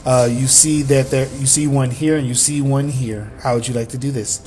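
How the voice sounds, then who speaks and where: A man's voice: mid-range voice, steady tone, moderate pace, darkish tone. A young man acting as game master, narrating in a rambling, self-correcting way with casual swearing.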